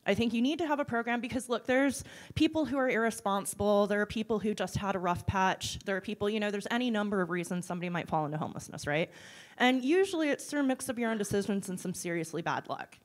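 A middle-aged woman answers audience questions after a keynote. She talks in a blunt, wry, animated way. She speaks into a handheld microphone on stage in a large hall. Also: mid-range voice, fast. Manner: blunt, wry, animated, gestures while talking. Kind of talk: keynote Q&A, candid and conversational.

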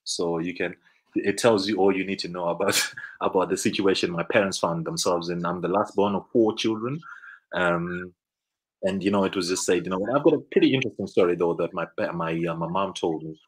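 Speaking over a video call webcam from an indoor room, this business guest, a Zimbabwean man in his thirties with a Zimbabwean accent, recounts stories in a relaxed interview. His rambling talk is full of fillers and false starts. He sounds low and fairly quick, and the audio is poor.

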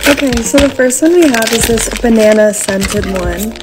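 A woman's voice: on the high side, moderate pace, over music. A young woman chatting casually through a product review vlog, bubbly and full of "like". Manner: bubbly, chatty, with many likes. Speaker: social media creator.

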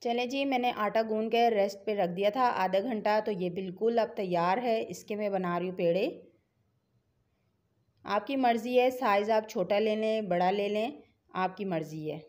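A woman's voice: mid-range voice, moderate pace, a little mellow. A middle-aged woman with a Pakistani Urdu accent, talking viewers through a home cooking recipe in a chatty, encouraging, instructive way. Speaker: cooking channel host. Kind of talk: home cooking tutorial voice-over.

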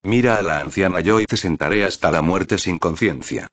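A man's voice: low-pitched, normal speed, no room sound. A man voicing a mocking, scornful old woman, a landlord's wife, in a storybook reading. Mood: jeering. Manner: jeering.

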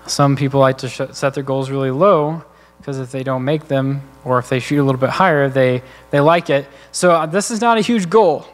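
A man's voice: mid-range voice, fairly quick. A man preaching a sermon in a church, speaking earnestly and conversationally while working through numbered points. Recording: long church hall reverb.

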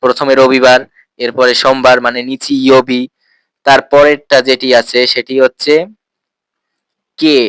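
A male teacher explains patiently and says key words slowly and more than once, asking his listeners questions as he goes. His voice is smooth and clear, mid-pitched, and recorded close and dry. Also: fairly bright tone, dry recording. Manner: patient, repeats terms slowly and asks rhetorical questions. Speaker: language teacher. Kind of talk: explanatory language lesson.

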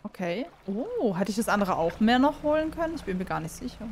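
A woman hosting a casual gaming video, talking to herself as she plays, excitable and chatty, with the odd curse and giggly sing-song bursts. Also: medium pitch, fairly quick, background noise. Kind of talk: casual let's-play commentary.

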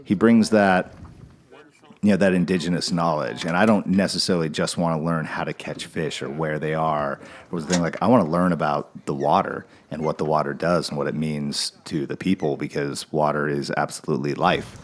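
Very deep-voiced laid-back man. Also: steady tone, fairly quick, slight background noise. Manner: laid-back, musing, filler-heavy. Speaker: musician talking about fly fishing. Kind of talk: relaxed reflective interview.

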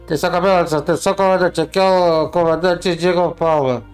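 A man's voice: on the high side, steady tone, brisk, clear, resonant tone, faint music behind, lightly acted, low-quality recording. A man doing a jokey airline captain's cabin announcement. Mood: mock-formal. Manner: jokey, mock-formal announcing. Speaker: game streamer. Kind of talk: mock pilot cabin announcement.

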